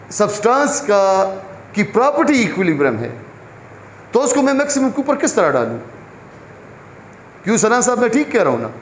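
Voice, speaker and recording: اونچی آواز والا مرد، گونجتے کمرے میں لیکچر دیتا ہوا. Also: male voice, high-pitched, slight background noise. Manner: explains by asking questions and answering them himself. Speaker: biology lecturer. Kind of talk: classroom lecture. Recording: echoey room with faint background ambience.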